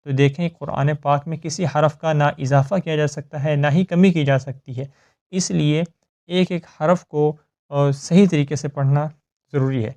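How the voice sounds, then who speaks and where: Male tajweed tutor, clear resonant voice, slightly high, methodical and patient. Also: fairly even intonation, warm tone. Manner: patient, explains step by step, checks with "ok?". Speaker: Quran recitation teacher. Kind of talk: tajweed lesson with slow recitation.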